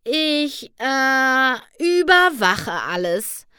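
A woman's voice: on the high side, big pitch swings, measured pace, fairly bright tone, no room sound, studio quality. Rarity, a woman doing a fussy posh unicorn mare. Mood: sheepish. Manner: sheepish, hesitant.

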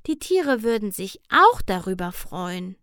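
Lady doing a sweet shy pony girl, soft and gentle, storybook. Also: mid-range voice, sing-song, a little slow, clear, resonant tone, no room sound, studio quality.

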